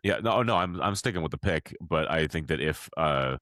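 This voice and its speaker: Guest voice: man, extremely low pitch, halting delivery, dry sound. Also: lively intonation, a bit bright, dry recording. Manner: halting, many restarts. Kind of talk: casual podcast chat.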